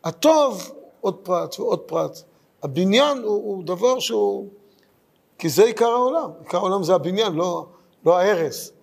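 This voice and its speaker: A man leads a Midrash study lesson, working his ideas out aloud in short phrases that often trail off and restart. His voice sits high with a gravelly edge to it. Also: expressive. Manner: thoughtful, searching for words, speaks in short phrases. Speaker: Torah teacher.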